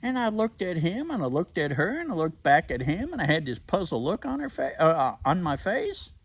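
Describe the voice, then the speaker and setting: Man, slightly high and raspy-gravelly, lively swinging pitch, unhurried profane storytelling rant. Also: poor audio. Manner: profane, rambling, drawn-out delivery. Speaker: vlogger.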